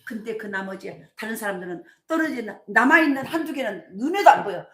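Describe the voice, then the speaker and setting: A middle-aged woman pastor preaching a sermon, telling stories in a colloquial, animated way with emphatic bursts. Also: on the high side, a little fast. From South Korea. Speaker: senior pastor. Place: church sanctuary. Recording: echoey church sanctuary.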